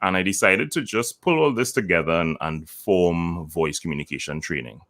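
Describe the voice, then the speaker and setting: A man who works as a voice coach, explaining his methods as an interview guest in a measured way and demonstrating lines with deliberate intonation. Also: sits low, fairly bright tone. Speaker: voice communication coach.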